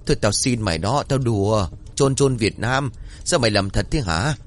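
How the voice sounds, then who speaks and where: A man doing a gruff, greedy old exorcist. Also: on the low side, animated, normal speed, close to an everyday voice. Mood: scolding. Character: greedy lazy old male village exorcist.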